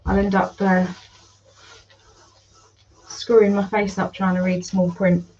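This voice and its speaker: A woman with a Geordie accent, slightly croaky, chatting in a rambling casual way while she irons during a livestream at home, greeting viewers by name. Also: medium pitch, level tone, takes it slowly, a little mellow, muffled recording, slight background noise. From North East England. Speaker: livestream host and online seller.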